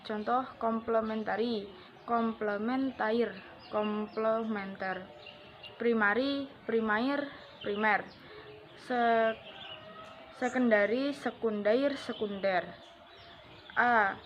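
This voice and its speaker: A young woman with a fairly high voice reads a vocabulary lesson, listing word forms one after another with slow, careful pronunciation. A faint hiss sits under the recording. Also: a bit bright. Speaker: student teacher.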